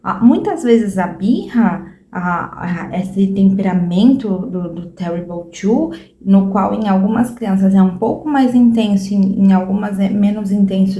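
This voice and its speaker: A woman's voice: medium pitch, warm tone, slight background noise. A woman with a Brazilian Portuguese accent, a mother giving parenting advice in casual talk to camera, emphatic and full of rhetorical questions. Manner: emphatic, keeps asking "entendeu?" and posing rhetorical questions. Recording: echoey room.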